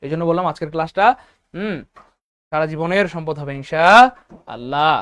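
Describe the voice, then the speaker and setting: A man teaching English for job exams in an online lecture, energetic and repeating key words to his viewers. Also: a little high, moderate pace, clean tone, no room sound. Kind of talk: online exam-prep lecture.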